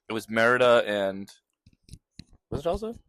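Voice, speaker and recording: A man's voice: mid-range voice, big pitch swings, moderate pace, fairly bright tone, no room sound. A young man co-hosting a podcast, joking in an offhand, casual way. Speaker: podcast co-host. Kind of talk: casual chat.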